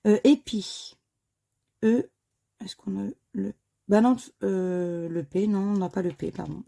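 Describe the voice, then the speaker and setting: Her voice is gravelly and dark, medium in pitch, with fairly even intonation, and she takes it slowly. As a scratch-card vlogger, she chats with viewers while scratching lottery tickets, spelling letters one at a time and muttering between them.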